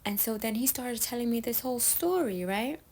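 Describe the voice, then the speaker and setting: A woman's voice: fairly high pitch, lively intonation, brisk, darkish tone, poor audio. A woman from Somalia telling stories in a casual monologue, often checking in with her listener with "yeah?" and "right?". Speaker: storyteller.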